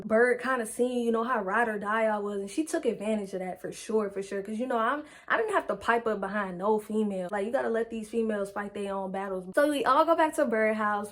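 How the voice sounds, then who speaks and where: Young woman telling a slangy storytime. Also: fairly high pitch. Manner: animated, slangy, acts out quotes. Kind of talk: casual storytime vlog.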